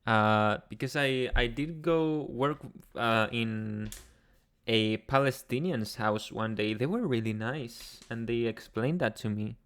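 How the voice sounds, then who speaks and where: A man's voice: medium pitch, slow, fairly bright tone, smooth. A man hosting a casual livestream, reading chat messages aloud and answering them in a chatty, rambling way with frequent laughs. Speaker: ASMR livestream host.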